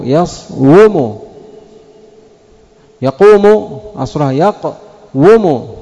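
A man teaching a grammar lesson, asking questions and answering them himself and stretching out the example words slowly. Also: mid-range voice, dark tone. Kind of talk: classroom lesson on Arabic morphology. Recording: long hall reverb.

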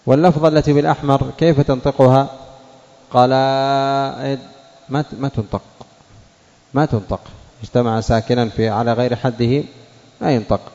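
Drilling word forms in class, this man says each base form and then the altered one slowly, calling on students by name to answer. He teaches Arabic morphology and Quran reading in a steady, dark, mid-range voice. The classroom recording is dull, lo-fi and heavy with long reverb.

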